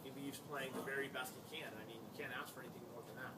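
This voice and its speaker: An American man, a high school basketball coach, giving an informal tribute speech in a conversational, anecdotal way with emphatic repetition. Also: steady tone, very fast. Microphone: distant microphone. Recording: noisy, distant-miked live room recording.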